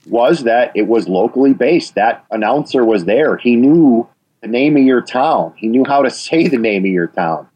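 Husky and a little mellow in the mid-range, this Wisconsin-accented man talks about radio policy as an interview guest, stressing his points through repetition. The high frequencies of the recording are cut off.

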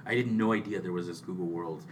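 A man's voice: low voice, fast talker, distant mic. A man co-hosting a podcast in casual chat, rambling along with frequent restarts. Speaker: podcast co-host. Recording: off-mic with faint background hiss.

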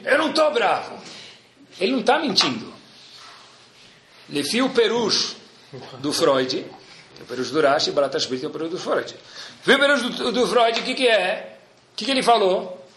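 A man giving a lively religious lesson on the Talmud, acting out the people he quotes and addressing listeners directly. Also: on the high side, echoey room, a little hiss or hum. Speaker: religious teacher. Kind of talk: lecture on Talmud.

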